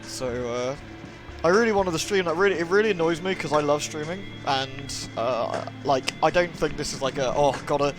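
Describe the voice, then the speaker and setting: A British man running a livestream speaks at a moderate pace in a somewhat high voice, captured on a low-quality recording. He's informal and friendly, welcoming and replying to viewers, with moody music behind him.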